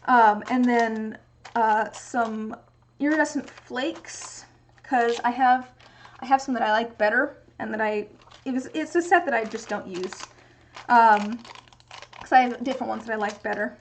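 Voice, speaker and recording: A woman's voice: on the high side, unhurried, a little hiss or hum. A woman chatting casually as she works through a craft livestream. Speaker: craft streamer. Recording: dull lo-fi stream audio.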